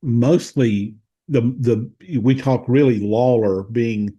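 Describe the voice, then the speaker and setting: A guest historian from Tennessee with a Southern accent thoughtfully recalls details during a conversational interview, sometimes pausing to find the right words. His medium-pitched voice is warm with a breathy edge.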